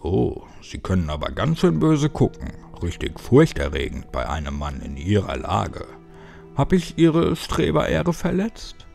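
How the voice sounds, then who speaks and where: A man's voice: sits low, huge pitch swings, unhurried, creaky, darkish tone, soft background music, heavily acted. A man voicing a sarcastic middle-aged male police officer who talks in a dry, mocking way. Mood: sardonic. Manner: teasing, dry and sneering.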